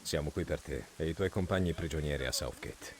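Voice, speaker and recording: A male actor playing a calculating officer who leads armed men in a video game, measured and authoritative. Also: a bass voice. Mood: calm, commanding. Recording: clear outdoor street noise behind.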